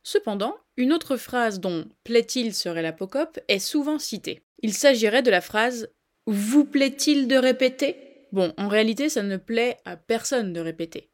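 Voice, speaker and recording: A woman hosts a scripted podcast, her voice sitting a little high. She explains things playfully, chatting straight to the listener as if in class. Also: lively intonation, normal speed, hardly any pauses. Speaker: podcast host.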